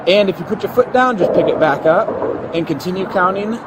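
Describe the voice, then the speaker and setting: A man's voice: high voice, animated, fairly quick. A male police officer giving methodical step-by-step instructions and checking understanding, recorded outdoors on a body camera with traffic noise. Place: outdoors at a roadside near a patrol car. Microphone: body camera worn on the officer. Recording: noisy outdoor bodycam audio with traffic.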